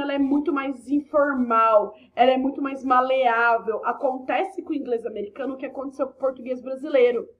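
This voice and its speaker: A woman's voice: sits high, fairly bright tone, dull audio. A Brazilian woman teaching an English class, explaining step by step with chatty asides and frequent "ok?" checks. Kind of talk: recorded online class explanation.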